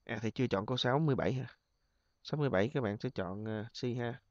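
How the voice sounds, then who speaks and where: A middle-aged man leads an exam review lesson at an even pitch. He stretches each example word out slowly, then hurries through his explanation. The recording is dry and a little dull. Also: dry recording. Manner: repeats and drawls example words slowly, then explains in quick asides. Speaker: English teacher.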